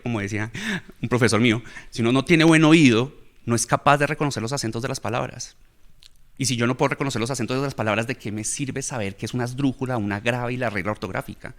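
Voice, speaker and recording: A man's voice: medium pitch, fairly bright tone. Explaining man who keeps asking "¿sí?". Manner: explanatory, often checks in with "¿sí?". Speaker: guest speaker on education. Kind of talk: conversational talk.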